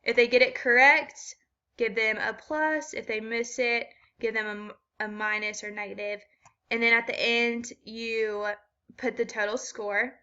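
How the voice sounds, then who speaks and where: A woman's voice: a little high, level tone, a little slow, pushed and bright, clean tone, highs cut off. A woman walking through a children's reading assessment step by step, with frequent ums. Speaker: student teacher explaining an assessment.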